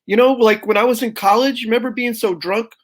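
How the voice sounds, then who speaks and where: This man's pitch is extremely high, his tone steady and his pace fairly quick. Appearing as a guest on a video call, he rattles off brash stand-up material in a punchy way and keeps calling the host "brother."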